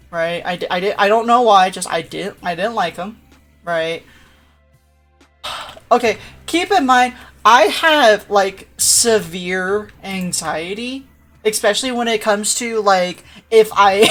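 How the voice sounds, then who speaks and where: A young adult woman telling a rambling story on a live stream, often tagging "right?" and restarting sentences. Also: mid-range voice. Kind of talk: casual storytelling chat.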